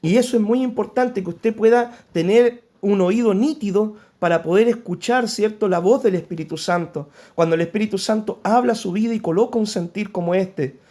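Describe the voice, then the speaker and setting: A Chilean man preaching from the pulpit in a notably high voice. He speaks earnestly, turning pleading when he voices prayers. He peppers his points with quick "¿cierto?" check-ins to the congregation. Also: mellow. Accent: Chilean Spanish. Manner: preaching with frequent "¿cierto?" asides. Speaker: pastor. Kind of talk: sermon.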